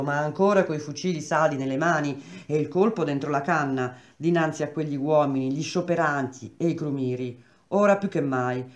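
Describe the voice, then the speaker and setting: A woman reading a novel aloud in a steady, measured storytelling voice. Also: low-pitched. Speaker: reader. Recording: roomy echo.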